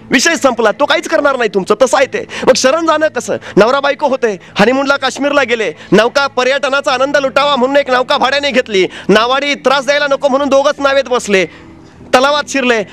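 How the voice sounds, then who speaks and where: A man giving a motivational speech, telling a story with rhetorical questions and dramatic swings between loud and soft. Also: very high voice. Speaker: motivational speaker.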